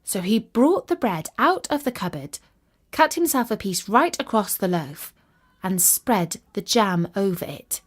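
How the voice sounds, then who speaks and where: A woman with a medium-pitched voice reads a scripted fairytale for children. Her storytelling is expressive and deliberate.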